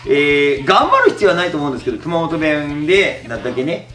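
Middle-aged man from Kumamoto with a Kumamoto accent, teasing host, lively and a bit high, roomy sound with music underneath. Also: fast talker. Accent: Kumamoto dialect. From Kumamoto, Japan. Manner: joking, teasing, laughs often. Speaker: YouTuber host. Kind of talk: casual chat.

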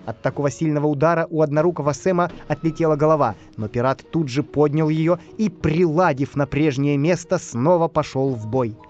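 A man reading a bedtime story aloud in an expressive, lively way. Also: on the high side, brisk, few pauses, lo-fi sound. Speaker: narrator.

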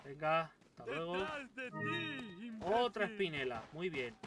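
On a distant mic with loud game sound and a crowd behind him, a young Spanish-accented YouTuber from Spain comments on his let's play. His voice is on the high side and measured in pace, punctuated by swearing and excitable outbursts.

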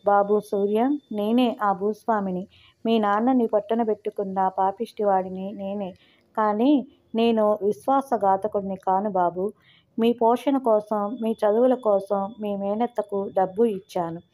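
A woman reading the part of a kindly, remorseful older male landowner, speaking gently and in a fatherly way. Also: medium pitch, steady tone, unhurried, natural voice.

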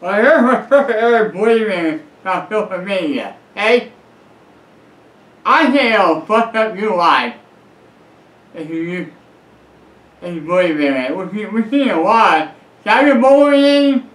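Slow, earnest high-voiced man. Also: animated, a bit bright. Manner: earnest, repetitive, calls himself by a nickname. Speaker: vlogger giving advice. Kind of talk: direct-to-camera advice vlog. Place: small room at home, leather armchair by a bookshelf. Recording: echoey small room.

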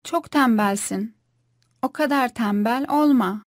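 A woman repeats short course phrases in a clear, careful reading. Her voice sits a little high. The recording is dry and close. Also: measured pace, dry recording. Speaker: Turkish phrase reader.

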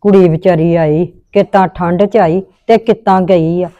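A woman's voice: on the low side, steady tone, moderate pace, warm tone, dry recording, lo-fi sound. A woman with a Punjabi accent acting a scolding, indignant mother-in-law in a family drama.

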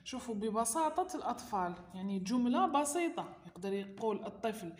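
Algerian lady going thru a kids worksheet, patient, kinda high voice, echoey room with a long tail. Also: expressive, darkish tone. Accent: Algerian Arabic. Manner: patient and explanatory, reads items aloud then explains them slowly. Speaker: teacher explaining a homework sheet to parents. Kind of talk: explaining a school worksheet.

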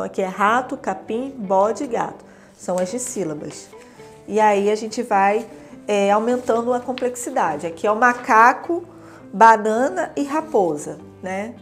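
A young adult woman with a Brazilian Portuguese accent explains teaching materials in a casual, chatty way, often checking in with tag questions. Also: fairly high pitch.

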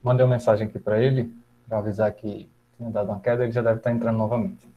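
A man in his thirties with a Northeastern Brazilian accent, moderating a webinar over a video call in a relaxed, filler-heavy way. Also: fairly low pitch, very fast, muffled recording, slight background noise. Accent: Northeastern Brazilian Portuguese. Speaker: event moderator. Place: small room at home. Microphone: earphones, video call.

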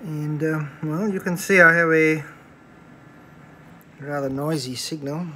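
This electronics hobbyist presenter speaks in an unhurried way, his higher voice pushed and bright, giving casual hands-on commentary while demonstrating at a workbench. The setting is a small indoor room with slight background noise.

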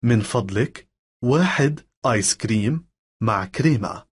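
A man, reading lesson phrases in a measured, careful way. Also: mid-range voice, expressive, slightly rough. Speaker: language lesson speaker.

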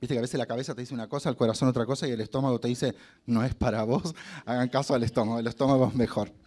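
A man's voice: medium pitch, steady tone, very fast, a little mellow. A middle-aged man with an Argentine accent giving a motivational storytelling talk. He is humorous and anecdotal, and he acts out the dialogue he quotes. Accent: Argentine Spanish. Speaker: guest speaker.

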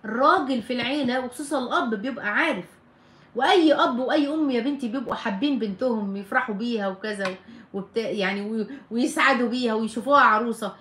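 A middle-aged Egyptian woman hosts a live question-and-answer stream as a family counselor. She talks quickly in a fairly high voice, pressing her points with firm, repeated warnings. The recording has a roomy echo. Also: a bit bright. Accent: Egyptian Arabic. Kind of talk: live Q&A chat reading viewer comments.

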